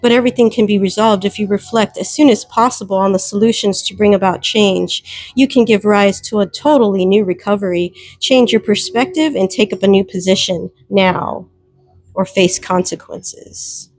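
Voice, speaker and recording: A woman's voice: medium pitch, moderate pace, a little mellow, dry recording. A woman giving a solo tarot reading, speaking emphatically, repeating her warnings and addressing viewers directly. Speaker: tarot reader.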